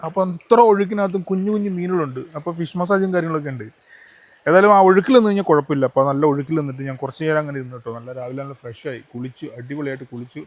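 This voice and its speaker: A man from Kerala with a hoarse voice, chatting casually with many fillers while filming a travel vlog on a handheld camera outdoors. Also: a little high, rapid-fire, few pauses, darkish tone. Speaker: travel vlogger. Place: outdoors by a roadside petrol pump and stream.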